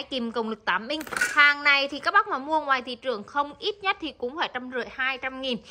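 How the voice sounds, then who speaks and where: A woman hosting a live hard-sell sales pitch, insistently repeating prices and urging buyers, with noise in the background. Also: pushed and bright. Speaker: live sales host selling discount tools and gadgets. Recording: noisy background hum.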